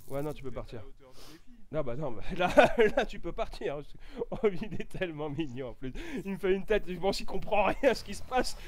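A man doing casual gameplay commentary, excitable, swearing and shouting in bursts, with a stuffy, itchy nose. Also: fairly high pitch, moderate pace. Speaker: gaming YouTuber.

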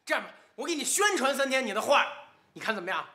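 A man's voice: very high voice, very animated, quick pace, sharp tone, heavily acted. An actor playing a sheepish young man who pleads and apologizes in a TV drama. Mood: placating. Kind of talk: TV drama acting. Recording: clear music behind.

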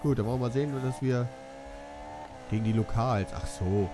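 Game music and car noises play behind a young let's-play commentator who cracks jokes at his own expense during a racing game. His medium-pitched voice moves briskly, and there's background noise.

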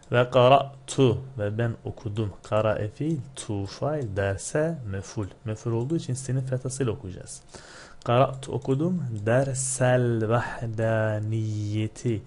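A man with a low voice teaches a grammar lesson from a textbook. He draws out each phrase as he reads it, then hurries through the explanation. A faint hiss sits under the recording. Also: a little mellow. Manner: reads Arabic slowly, then explains quickly in Turkish. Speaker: Arabic teacher. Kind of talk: textbook lesson, reading and translating line by line.

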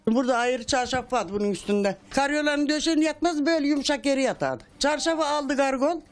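A woman's voice: sits high, a little fast. An older widow giving emotional testimony in her home, retelling events and acting out the quoted dialogue in a raised voice.

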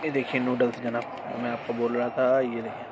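A man's voice: medium pitch, little pitch movement, brisk. A man in his thirties casually vlogging a restaurant meal and a night drive on his phone, chatty and enthusiastic, often adding religious blessings. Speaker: food vlogger. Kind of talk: casual food vlog. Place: restaurant cabin, then inside a car at night. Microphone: handheld phone camera. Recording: noisy street and car background.

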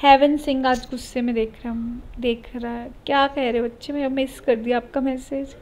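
Punjabi-accented woman teacher, high voice. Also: little pitch movement, normal speed, darkish tone. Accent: Punjabi-tinged Indian English. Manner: mixes Hindi and English, reassuring and coaching. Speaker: IELTS teacher. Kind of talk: live online class, reading viewer comments.

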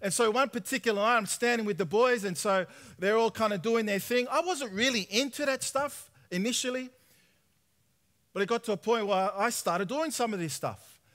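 A man's voice: high-pitched, normal speed. A man in his thirties with an Australian accent giving a conversational testimony sermon at a church conference, drawing the audience in with questions. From Sydney, Australia. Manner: conversational, asks the audience questions, prays softly. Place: large tent hall with audience, indoors.

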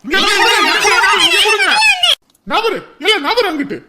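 An actress playing a loud, bossy village woman handing out food and ordering a crowd into line. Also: sits high, lively intonation, fast, heavy background noise.

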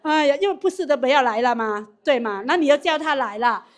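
A high-pitched woman leads a live business training that takes audience questions. She's animated and often restarts her sentences.

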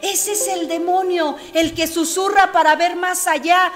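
Very high-voiced Mexican woman lecturing. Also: fairly even intonation, unhurried, a bit bright. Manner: preachy, fires rhetorical questions at listeners. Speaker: psychologist. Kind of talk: radio talk on addiction recovery. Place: radio studio.

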